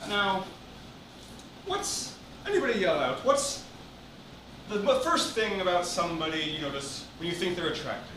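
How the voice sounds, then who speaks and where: Man playing a high-voiced, vain pretty boy, echoey stage. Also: animated, sharp tone. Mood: smug, teasing. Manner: boastful, drawn-out theatrical delivery. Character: vain preening self-declared prettiest boy in the world. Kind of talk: absurd live character comedy with crowd work. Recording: echoey noisy room, far from mic.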